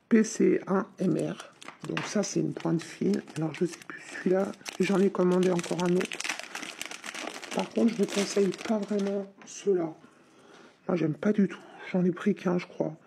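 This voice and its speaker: Woman, casual hobby vlog chat, talks straight to camera, slight cold and sniffles, gravelly and dark voice. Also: on the low side, a little hiss or hum. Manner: chatty and informal, talks straight to viewers. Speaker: hobby vlogger. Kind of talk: casual unboxing and demo chat.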